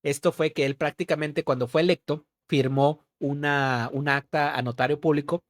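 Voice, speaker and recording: A man's voice: a little high, steady tone, normal speed, no echo. Slangy Mexican guy, dry close sound. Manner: slangy, peppers talk with "güey". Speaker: podcast co-host. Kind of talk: casual political chat.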